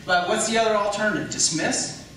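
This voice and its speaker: A man running for county attorney delivers an argumentative rebuttal in a political debate, explaining step by step and posing questions. His voice is high-pitched and brisk with a fairly bright tone. The large, echoey room at the public debate is captured by a distant mic with faint noise.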